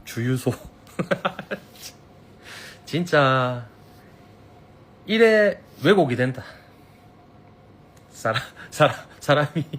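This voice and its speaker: A man's voice: a little high, fairly bright tone, a little hiss or hum. A man with a Gyeongsang Korean accent chatting casually on a live stream from his phone, reading viewers' comments, playful and teasing and laughing often.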